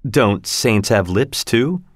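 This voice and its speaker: A young lovestruck nobleman speaks in earnest, poetic phrases, as a man reads him aloud. The delivery is slow and unhurried, and the sound is dry and close, with no room around it. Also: lowish voice, animated, dry recording. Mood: tender.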